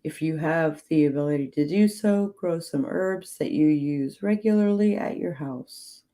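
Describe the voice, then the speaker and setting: A livestream host with a low, mellow, slightly hoarse voice reads slowly from a witchcraft book. Her reading is measured, broken up by clipped, dry asides to chat.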